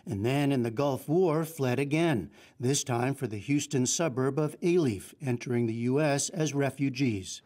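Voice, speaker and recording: An older male news correspondent reads a scripted feature in a measured, even way. His voice sits at a middle pitch, calm and steady. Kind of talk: scripted news narration and interviewing.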